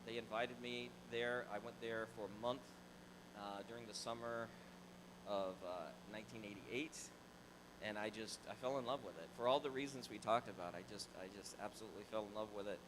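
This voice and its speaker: A middle-aged pastor originally from Tallahassee speaks briskly in a fairly low voice, sharing a casual personal story with his church. His animated delivery includes restarts and repeated words, captured by a handheld mic in a large sanctuary with background noise.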